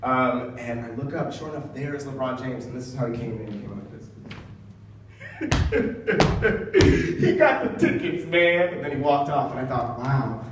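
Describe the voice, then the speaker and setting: A man's voice: mid-range voice, expressive, measured pace, long pauses, background noise. A young man from Ohio doing a self-deprecating stand-up set, full of fillers and acted-out quotes, in a comedy club. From Ohio, USA. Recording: distant, very echoey club recording with audience.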